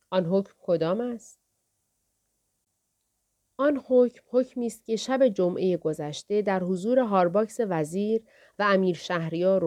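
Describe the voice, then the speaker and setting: A woman's voice: medium pitch, darkish tone, lightly acted. Woman reading as a deferential royal daughter. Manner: polite, deferential court speech. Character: royal woman, the king's daughter, humble and respectful.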